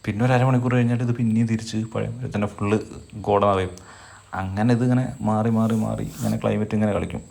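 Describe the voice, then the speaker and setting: Monotone, gravelly Malayali man narrating travel. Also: fairly low pitch, quick pace. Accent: Malayali, Kerala. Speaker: travel vlogger. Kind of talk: casual descriptive vlog narration.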